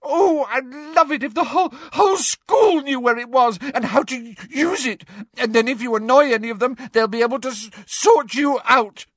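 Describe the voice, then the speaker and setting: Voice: medium pitch, expressive, measured pace, hardly any pauses, sharp tone, no echo, studio quality, pitched above the performer's own voice. A performer voicing a distressed teenage schoolgirl in an audiobook, tearful and stammering but defiant. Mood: shrill, defiant. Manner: sobbing, stammering, gasping delivery.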